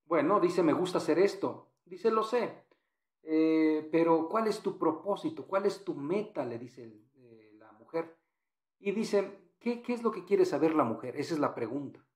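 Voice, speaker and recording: A man explains exam answers in a patient, repetitive way, often translating phrases. He talks slowly, with a voice pitched a little high for a man. The room around him is echoey. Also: expressive, darkish tone. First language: Spanish. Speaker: English teacher.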